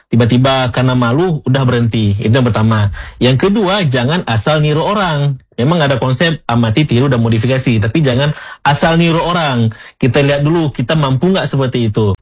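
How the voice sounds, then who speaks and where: A man from Aceh with an Acehnese accent, talking as a content-creator guest in a relaxed, casual way with frequent fillers and chuckles. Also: mid-range voice, husky. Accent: Acehnese-accented Indonesian. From Aceh, Indonesia. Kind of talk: casual podcast interview.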